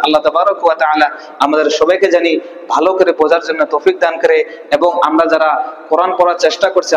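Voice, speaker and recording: A man teaching Quran reading, drilling syllables and asking and answering his own questions. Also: fairly high pitch. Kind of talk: recitation lesson. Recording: echoey room with long reverb.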